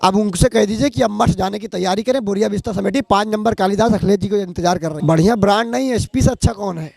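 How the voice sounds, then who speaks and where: Brief: outspoken local man, very high pitch, fiery street-interview orator. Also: fast, gravelly, a little mellow, dry recording.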